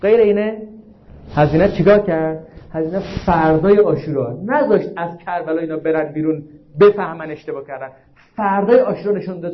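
A man preaches a religious sermon in a high voice, asking the audience one rhetorical question after another. He slows down to stress the lines he quotes. The recording sounds dull and lo-fi. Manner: slows down to recite and stress quotations.

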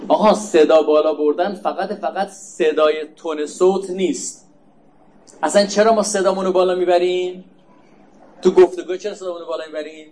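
High-voiced man giving a Quran lecture. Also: fairly even intonation, a little hiss or hum. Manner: explanatory, asks rhetorical questions and answers them; repeats words softly for emphasis. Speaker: preacher. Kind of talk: religious lecture on Quran verses.

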